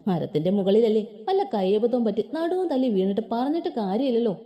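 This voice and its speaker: A woman's voice: on the high side, fast talker, lo-fi sound. A woman reading a story aloud in a playful, colloquial way and voicing its characters. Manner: lively, playful colloquial narration.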